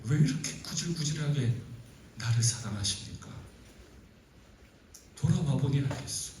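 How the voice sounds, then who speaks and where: A man's voice: medium pitch, moderate pace, slight background noise. A middle-aged man preaching a sermon at a youth retreat, telling stories with feeling and breaking into exasperated outbursts. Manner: animated storytelling, rising to exasperated outbursts. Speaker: pastor. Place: large church hall at a youth retreat. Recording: echoey hall, voice from far off.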